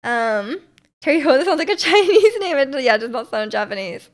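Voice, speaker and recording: Sitting high and swinging widely in pitch, a young woman's fairly quick voice rambles through stream comments in casual chat. She restarts a lot, leans on fillers, and laughs often.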